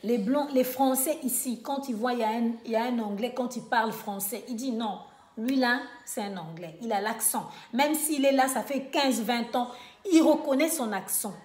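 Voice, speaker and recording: A woman with a Congolese French accent from Brazzaville speaks with a high voice. She scolds her listeners and fires off rhetorical questions. The room around her echoes. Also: normal speed, a little mellow. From Republic of the Congo. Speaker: vlogger. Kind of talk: impassioned direct-to-camera monologue.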